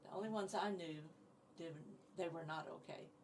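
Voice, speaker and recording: A woman's voice: fairly low pitch, normal speed, a little mellow, a little hiss or hum. A woman in her seventies from Indiana, a guest in a casual interview, telling stories in an upbeat, chatty way. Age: 70s. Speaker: interview guest, community group founder. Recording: voice picked up from a distance.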